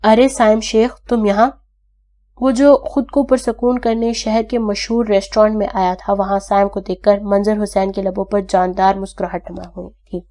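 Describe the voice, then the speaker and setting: A woman's voice: mid-range voice, steady tone, hardly any pauses, dark tone. A woman narrating a novel as an audiobook, reading it aloud dramatically and voicing every character herself. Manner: dramatic storytelling, shifting tone for dialogue.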